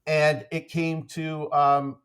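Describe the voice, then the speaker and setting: A man's voice: a little high, little pitch movement, takes it slowly, fairly bright tone, clear, resonant tone. A man, an athletics coach, telling stories as a podcast guest in a rambling way, full of fillers and restarts. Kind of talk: casual conversational storytelling.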